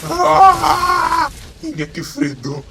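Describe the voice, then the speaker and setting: A man's voice: extremely high pitch, huge pitch swings, extremely slow, creaky, noisy background, exaggerated voice. A man voicing a panicking, crude Sicilian victim in a comic dinosaur film dub, with a Sicilian accent and wailing exclamations. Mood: panicked.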